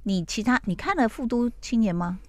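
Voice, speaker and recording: A woman's voice: fairly high pitch, brisk, no room sound. A woman host with a Taiwanese Mandarin accent, chatting casually and acting out stories with lots of voices. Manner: animated storyteller who acts out quotes. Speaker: podcast host. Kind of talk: casual chat.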